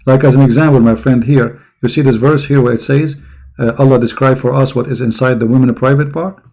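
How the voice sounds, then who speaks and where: A man's voice: medium pitch, steady tone, a little fast, gravelly, darkish tone. A man giving sarcastic, mocking religious commentary, saying he is losing his voice.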